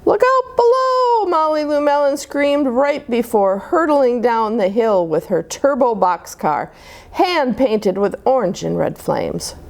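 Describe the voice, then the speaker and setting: Her pitch runs somewhat high, with vocal fry, as she narrates a picture book for little kids. The delivery is expressive and deliberate, in a storyteller's manner.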